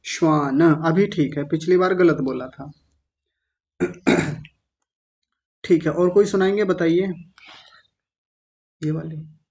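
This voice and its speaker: A man teaching Sanskrit pronunciation, correcting students slowly and repeating words syllable by syllable. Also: a little high, darkish tone. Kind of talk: online pronunciation class. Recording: dull lo-fi sound.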